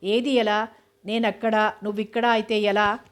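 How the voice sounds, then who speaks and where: A playful young husband who jokes and teases, read by a woman narrating a storybook. The voice stays flat and level, sitting in a middle pitch. He keeps up an easy, joking tone. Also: unhurried, close to an everyday voice. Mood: teasing. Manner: teasing, joking.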